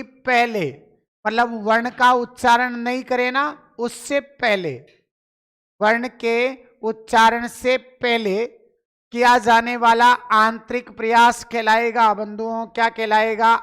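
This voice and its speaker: A man's voice: extremely high pitch, a bit bright, smooth. A male teacher giving a live online grammar lesson, asking questions and answering them himself, and urging viewers to reply in chat.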